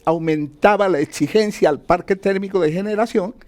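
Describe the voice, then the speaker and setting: A man's voice: sits high, moderate pace. A man speaking as an economist in an interview, explaining point by point and answering his own questions. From Colombia. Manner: didactic, poses questions and answers them, enumerates points.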